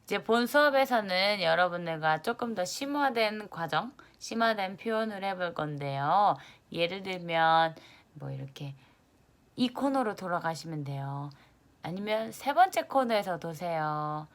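In an online English lesson, a lively young woman with a fairly low, unhurried voice loudly stresses the English words and acts out how her students react.

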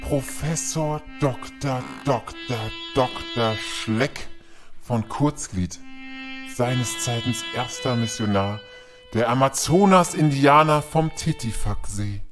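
An actor playing a pompous, fame-hungry shapeshifting villain scientist in a youth audio drama, with theatrical delivery. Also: male voice, mid-range voice, takes it slowly, music in the background, close to an everyday voice.

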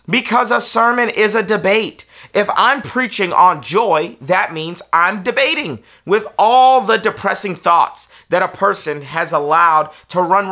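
This American preacher in his thirties has a voice that sits high with a sharp edge. Seated on a sofa in a small furnished room, he gives an instructional talk, pressing his points emphatically and persuasively and returning to key phrases again and again.

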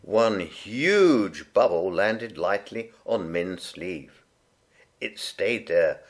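A man reading a children's picture book aloud in a gentle, unhurried, expressive way. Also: low-pitched. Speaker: storyteller. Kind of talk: read-aloud children's story.

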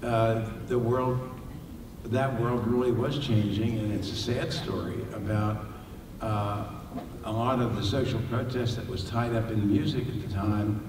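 An older man answering audience questions on a panel, halting with many fillers and restarts. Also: fairly low pitch, steady tone. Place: large library hall with audience. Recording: echoey hall, distant mic, noisy.

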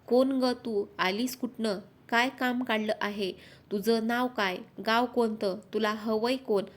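A woman voicing a dutiful, cautious palace maid in a folk tale, asking quick questions. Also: on the high side, steady tone, lightly acted. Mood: questioning.

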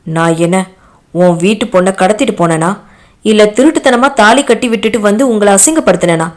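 A woman's voice: medium pitch, lively intonation, brisk, darkish tone, natural voice. A woman voicing a young man who speaks harshly and scornfully. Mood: defiant.

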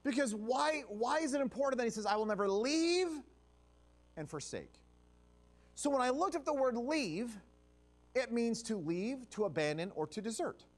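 A man preaching a revival sermon in a church, dropping to a hush and surging up again for emphasis. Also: extremely high pitch, normal speed. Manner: animated, drops to a hush and surges up for emphasis. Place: church sanctuary.

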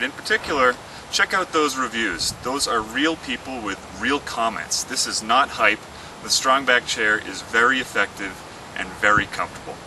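A man, the inventor, presenting and demonstrating his product in an earnest pitch, talking through each movement. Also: bright, forceful tone. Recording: slightly distant mic, faint outdoor noise.

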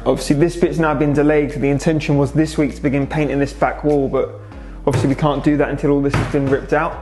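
Faint music sits behind a young English man whose voice runs on the high side: quick, level and darkish. As the restaurant's owner, he gives a vlog update on the renovation to a camera in a large indoor space, casual and matter-of-fact, with plenty of "so" and "obviously."

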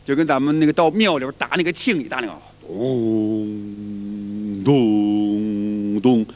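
A man's voice: fairly high pitch, animated, very fast, dull audio. A man giving a folksy, repetitive spoken lecture as a qigong teacher, now and then demonstrating chants aloud. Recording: reverberant hall.

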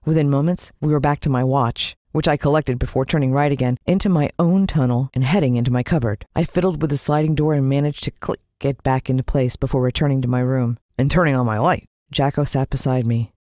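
Clean studio sound with no echo carries the low, darkish voice of an American audiobook narrator. She tells her story in a dramatic, suspenseful way, lingering on her words.

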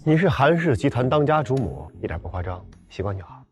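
A man's voice: medium pitch, sing-song, quick pace, far from the mic, noisy background, close to an everyday voice. An actor in his twenties playing a doting young company boss and playfully romantic husband in a drama. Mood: matter-of-fact. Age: 20s.

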